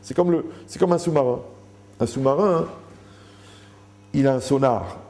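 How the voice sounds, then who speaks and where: A man's voice: medium pitch, moderate pace, a little mellow. A man giving a Torah lecture to a live audience, joking, asking the room questions and acting out the people he quotes.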